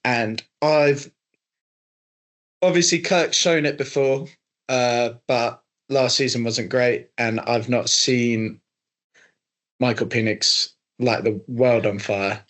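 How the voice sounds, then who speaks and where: A young man co-hosting a casual sports podcast, hesitant and quick to laugh. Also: medium pitch, a bit bright. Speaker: co-host.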